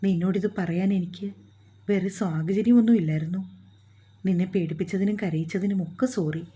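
A woman doing an earnest, possessive young suitor, mellow, breathy, dull recording. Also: fairly low pitch, steady tone, brisk. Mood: earnest, tender. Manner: earnest, coaxing, insistent. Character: possessive, smitten young man, wealthy suitor.

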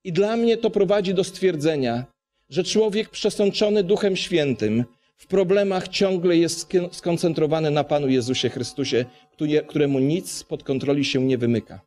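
A man's voice: a little high, normal speed, dark tone. Passionate Polish man preaching a sermon. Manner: passionate preaching with rhetorical questions.

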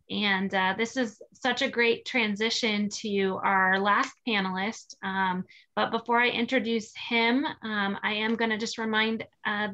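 A woman's voice: a little high, a bit bright, rough recording. A woman in her thirties hosting a webinar and introducing panelists, upbeat and chatty with many fillers. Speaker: webinar host.

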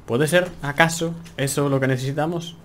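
Slightly high and a bit bright, this young man's voice holds a steady tone at normal speed. A gameplay streamer with a Spain Spanish accent, he plays from home and gives chatty, exclaiming commentary, talking to himself as he goes.

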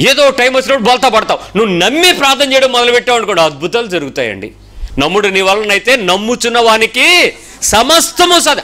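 High, bright-voiced preacher scolding. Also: male voice. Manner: scolding, rhetorical questions, lists in short bursts. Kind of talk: sermon.

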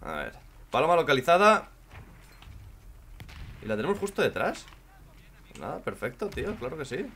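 A man from with a hoarse voice, commenting on his own gameplay in casual chat, joking and swearing a lot. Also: a little high, wildly swooping pitch, normal speed, long pauses. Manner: swears a lot and jokes, shouts when in danger.

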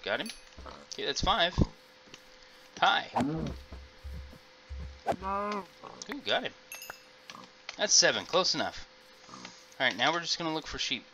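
Pitched fairly high and very animated, this middle-aged man chats through a let's-play slowly, pausing often as he comments on his game for viewers. The home mic sound is noisy and lo-fi.

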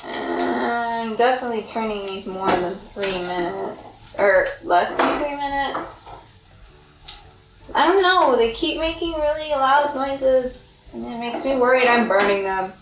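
A young woman in her twenties cooks in her home kitchen for a casual vlog, talking to the camera and thinking out loud with self-deprecating humor. Her voice is slightly high and slightly slow. A far-off camera picks her up, giving roomy kitchen acoustics with some background noise.

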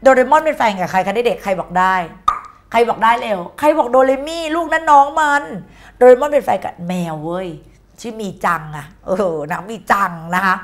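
Playful higher-voiced Thai woman teaching. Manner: chatty, playful, switches between Thai and English words. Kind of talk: lively exam-prep lesson.

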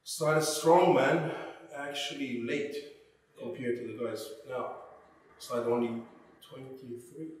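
A man's voice: mid-range voice, steady tone, slow pace. A man in his thirties from Lithuania with a Lithuanian accent, a guest chatting casually and plainly on a podcast. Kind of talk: casual interview chat. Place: indoor gym, lounge area. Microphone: far camera mic. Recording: echoey gym room from far off.

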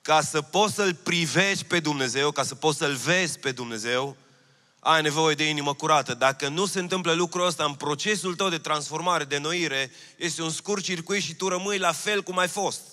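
This sermon comes from a Romanian man in his thirties, a pastor standing on a church stage in a large hall with a handheld mic. He has a fairly high, sharp-toned voice and speaks earnestly, repeating the phrases he wants to stress. Long reverb from the hall is audible.

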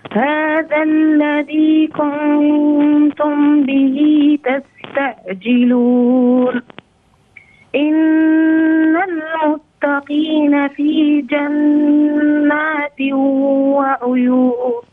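Woman chanting Quran slowly over phone. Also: high voice, level tone. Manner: measured chanting, repeats phrases. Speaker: caller reciting Quran. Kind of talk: slow melodic Quran recitation. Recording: phone line with music.

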